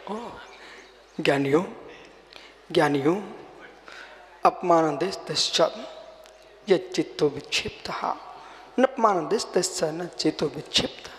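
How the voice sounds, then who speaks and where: A man preaching a sermon as a monk, impassioned, swinging from quiet teaching to loud exhortation and slow chanting. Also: a little high, a little hiss or hum. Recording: long hall reverb.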